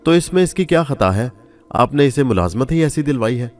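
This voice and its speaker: A man voicing a kindly middle-aged lady of the house who speaks in a gentle, worried way. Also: medium pitch, animated, a little fast, soft background music, voice pushed up, close to an everyday voice. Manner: gentle, worried, soft-spoken.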